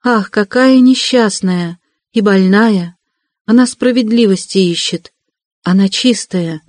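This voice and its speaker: A man reading an audiobook, voicing a timid, gentle young woman in a raised, soft and fervent voice. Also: high voice, slow, no echo, clean studio sound. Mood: pleading.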